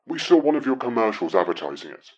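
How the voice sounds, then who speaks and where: A man's voice: lowish voice, big pitch swings, fast talker, slightly rough. An actor playing an eager, over-polite male underling from hell, rambling on while he leaves a voicemail for his boss. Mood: fawning. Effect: voicemail message played back over a phone. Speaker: caller leaving a voicemail. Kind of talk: comic audio drama acting. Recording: dull lo-fi phone playback.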